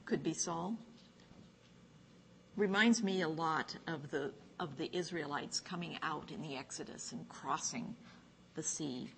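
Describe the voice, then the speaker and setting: A woman teaching a church Bible class. She reads scripture aloud slowly and stops to ask the class questions. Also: low voice, creaky, a bit bright, slight background noise.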